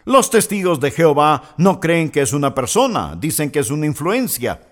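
A man's voice: on the high side, moderate pace. A middle-aged man preaching a sermon as a pastor, speaking straight to the listener and asking questions as he goes. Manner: animated preaching, asks the listener questions directly.

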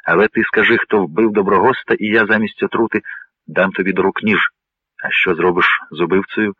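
A man's voice: low-pitched, steady tone, fairly quick, husky, no room sound. A man reading the part of a proud, scornful captive Viking warlord in an audiobook. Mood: grim pleading. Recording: dry, narrow phone-like sound.

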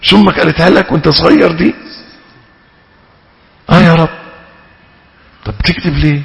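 A man with an Egyptian Arabic accent giving a religious lesson as a sheikh, talking in a dramatic way that rises to loud, pleading emphasis. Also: on the high side, fairly even intonation, moderate pace, gravelly, dull audio. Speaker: sheikh teaching theology. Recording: reverberant hall.

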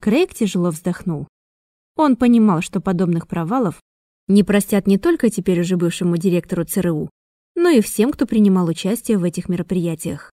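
A woman reading a thriller audiobook in an even, measured way. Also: lowish voice, dry recording, clean studio sound. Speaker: audiobook narrator. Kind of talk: scripted narration.

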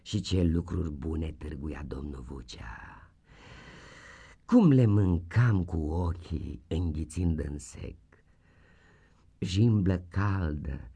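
A man reading a story aloud in the first person, as a radio-theatre narrator with expressive storytelling. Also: low-pitched, breathy edge.

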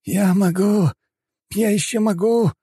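A raging old vampire elder screams orders in a high, strained voice. He sounds fanatical and unhinged. The recording is close and dry. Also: fairly even intonation, slow pace, mellow, breathy edge, no room sound, full character voice. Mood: desperate.

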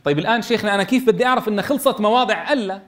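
A man's voice: high-pitched, very fast, fairly bright tone. A man leading a classroom tajweed lesson for Quran teachers, explaining step by step and checking in with his students.

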